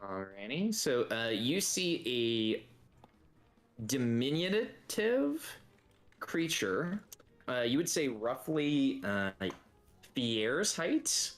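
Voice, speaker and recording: A man running a tabletop game as dungeon master, describing rooms in a relaxed way with many fillers. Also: medium pitch, extremely slow, soft background music.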